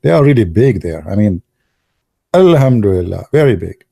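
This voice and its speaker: A man's voice: on the low side, big pitch swings, moderate pace, gravelly, mellow, husky, no echo, studio quality. A man joking and teasing his viewers in casual commentary, with non-native English phrasing. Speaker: video commentator.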